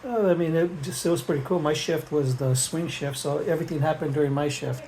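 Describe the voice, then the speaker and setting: In a casual family interview, a middle-aged father with a slightly high voice talks briskly, recounting old stories and chuckling softly in a relaxed way. The recording is low quality, carrying faint background noise and clicks.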